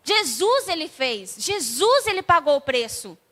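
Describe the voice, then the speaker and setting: A Brazilian woman preaches in a casual, storytelling way, acting out each scene with lively energy. Her voice is high and bright. A long church-hall reverb trails behind her words. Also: a little slow. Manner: conversational, acts out scenes animatedly. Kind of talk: sermon.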